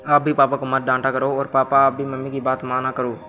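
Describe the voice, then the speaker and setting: A man voicing a caring young married daughter in a storybook tale, read in an even, flat manner. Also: medium pitch, fairly quick, highs cut off, close to an everyday voice. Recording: music bed underneath. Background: music.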